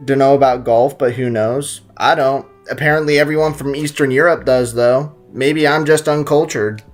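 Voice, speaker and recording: A young male gaming YouTuber jokes and rambles casually while playing through a video game, let's-play style. His mid-range voice stays fairly even in intonation at a normal speed, with game music in the background.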